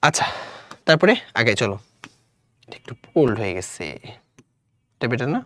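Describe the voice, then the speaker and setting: A man's voice: medium pitch, sing-song, normal speed, fairly bright tone, slight background noise. A man with a Bangladeshi Bengali accent teaching an online grammar lesson in a casual way, often checking if students follow. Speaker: English teacher.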